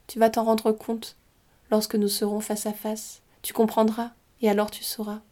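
Death herself as a woman, speaking low and patient, silky and soothing, with a dark, mellow tone that never hurries, voiced by a woman reading a tale aloud. The voice stays hushed and gentle. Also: monotone, normal speed, close to an everyday voice. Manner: soft, soothing, slightly languid. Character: seductive female Death, calm and patient.

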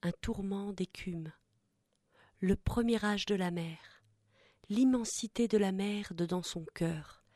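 A woman recites a poem in a mellow, warm voice at an unhurried pace. Her reading stays soft and measured. The sound is close and dry. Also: medium pitch, no echo. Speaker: reader. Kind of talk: poetry reading.

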